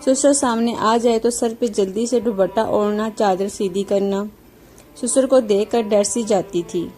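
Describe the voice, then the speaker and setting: Woman storyteller, calm scripted narration, mellow voice, faint background music. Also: mid-range voice.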